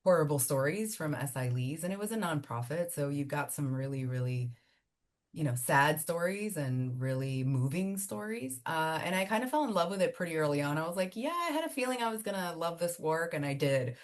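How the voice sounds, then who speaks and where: Low-voiced chatty woman, Spanish first language. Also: brisk. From Miami, United States. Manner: chatty and animated, frequent fillers and laughs. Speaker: immigration attorney and law firm founder. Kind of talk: conversational interview answers.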